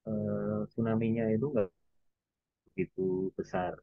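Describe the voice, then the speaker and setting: A man's voice: lowish voice, fairly even intonation, measured pace, vocal fry, no room sound. A man explaining field research over a video call whose audio keeps breaking up and cutting out, speaking hesitantly with many fillers. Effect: choppy, cutting-out video call audio. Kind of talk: online discussion. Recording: tinny, dry video call line.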